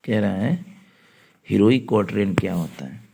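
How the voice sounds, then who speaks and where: A man teaching an exam-prep literature lesson, speaking slowly, repeating points and spelling out words letter by letter. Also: on the low side, expressive, vocal fry, dark tone, breathy edge. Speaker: coaching teacher.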